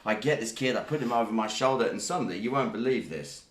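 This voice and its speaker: A fast-talking, animated stream host born in Greece, with a mid-range voice, spins a meandering, humorous tall tale. It's comedic live stream chat, captured with a roomy echo.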